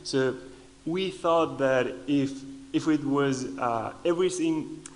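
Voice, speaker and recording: Heard on a rough recording, a man from Argentina, a native Spanish speaker with an Argentinian accent, gives a conference lightning talk slowly in a medium-pitched voice, often starting his phrases over.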